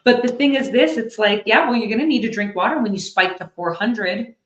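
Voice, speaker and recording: A woman working as a psychic medium, giving a live reading to an audience and thinking out loud as she passes on messages. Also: fairly high pitch, a little fast. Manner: chatty, thinks out loud while relaying messages. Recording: echoey, slightly dull recording.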